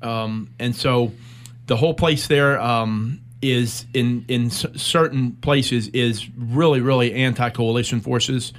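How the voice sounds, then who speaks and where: A middle-aged American military veteran recounts a personal war story in an interview, his mid-range voice holding a steady tone. He paces himself in a measured, reflective way with frequent pauses.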